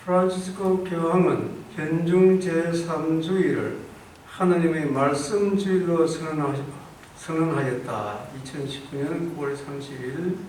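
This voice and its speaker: A male priest leads Mass with formal, recited delivery. His voice sits a little high and comes from a distance, washed in strong church echo over faint noise. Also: unhurried, a little mellow. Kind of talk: liturgical speech and prayer. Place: large echoing church during Mass.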